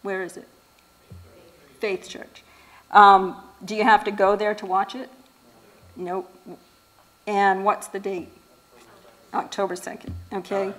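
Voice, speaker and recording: A woman talks at an ordinary middle pitch to a church group. Her delivery is casual and conversational, with frequent fillers and restarts. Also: level tone, slow pace, long pauses, a bit bright, low-quality recording. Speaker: speaker at a church event.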